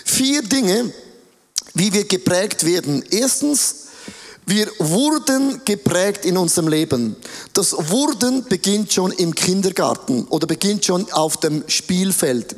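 A man preaching a sermon, animated, drawing out key words for emphasis and acting out quoted voices. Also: high-pitched. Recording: long hall reverb.

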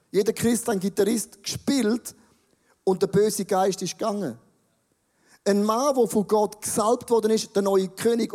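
A man's voice: high voice, darkish tone. A middle-aged man with a Swiss German accent, preaching a sermon and speaking directly and emphatically to the congregation. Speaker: pastor.

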